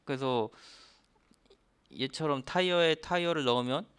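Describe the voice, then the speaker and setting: A man's voice: fairly high pitch, normal speed, a bit bright, smooth. A man teaching a programming class step by step, asking the listener rhetorical questions as he explains. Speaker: programming instructor. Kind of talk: screen-recorded coding lecture.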